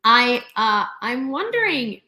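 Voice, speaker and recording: A young Ukrainian woman hosts a live news stream, offering casual commentary that's chatty, sarcastic and full of fillers. Her pitch is fairly high and swings widely, her tone is sharp, and she speaks slowly in a room with noticeable echo.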